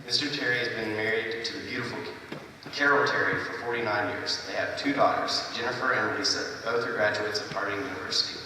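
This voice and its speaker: A man's voice: on the low side, steady tone, quick pace. A man reading a formal scripted introduction of a guest speaker. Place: large echoing hall. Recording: echoey hall, distant mic, noisy.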